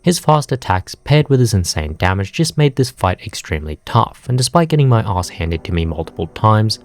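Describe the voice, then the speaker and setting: A young man narrating his gameplay in a scripted, comedic way, with sarcastic, profane jokes told in a deadpan manner. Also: fairly low pitch, normal speed, a little hiss or hum. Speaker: gaming video narrator.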